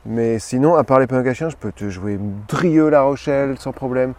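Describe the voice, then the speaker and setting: A man in his thirties in a comedy sketch interview, playing a self-important actor in a deadpan manner. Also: mid-range voice, moderate pace, no echo. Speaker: comic actor persona being interviewed.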